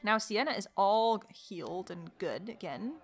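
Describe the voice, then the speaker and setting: In an expressive, mid-range voice and an unhurried pace, a let's play gamer riffs casually on her strategy game with faint music in the background. She's exasperated and jokey, chatting to the characters and laughing frequently.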